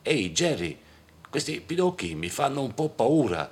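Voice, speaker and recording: A man voicing a jittery, scared male veteran addict, high, loud and whiny in a storybook reading. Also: sing-song, moderate pace, husky. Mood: scared whining.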